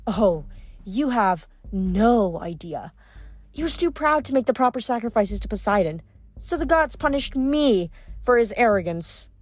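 A woman's voice: on the high side, lively intonation, a little slow, no room sound, pitched above the performer's own voice. Woman putting on a sneering spiteful sorceress. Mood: bitter. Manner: sneering, mocking, dismissive.

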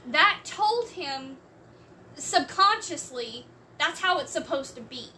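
A woman in casual conversation, explaining her views slowly and at length. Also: high-pitched, expressive, sharp tone, distant mic, slight background noise. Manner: slow, measured, explains at length. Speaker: co-host discussing a court case. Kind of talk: casual chat.

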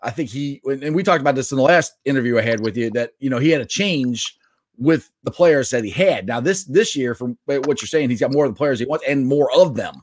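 A man interviewing over a remote call whose audio keeps dropping out and breaking up, talking in a halting way with frequent restarts. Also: mid-range voice, no echo, clean studio sound. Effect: choppy call audio dropping out.

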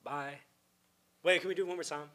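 Man, podcast host, relaxed, offhand, slightly high voice. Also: fairly quick. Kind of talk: casual podcast chat.

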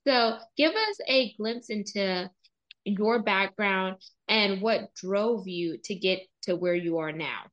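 A woman, hosting a podcast interview in an energetic, playful way. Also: medium pitch, slow, muffled recording. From Texas, US. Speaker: podcast host.

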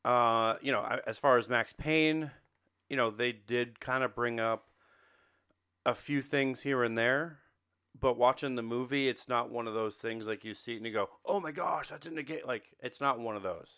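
A male podcast co-host chats casually about films and games. His voice sits in the mid range, moves at a moderate pace, and comes across bright and forceful.

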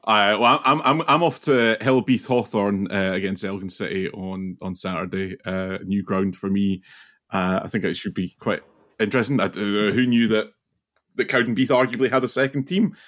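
Guy, lowish voice, halting casual football chat, bit tentative. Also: fairly even intonation, fairly bright tone. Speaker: football podcast panellist.

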